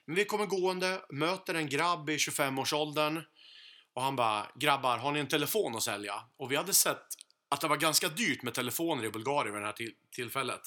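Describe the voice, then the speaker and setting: A man from Sweden in his thirties, a podcast co-host telling a profane, animated anecdote in casual chat. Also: a little high.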